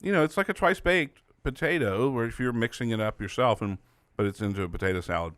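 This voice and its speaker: A man's voice: medium pitch, fast talker, a bit bright, dry recording. A man hosting a podcast, chatting casually and asking his guest questions with frequent encouraging backchannels. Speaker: podcast host. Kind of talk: casual chat.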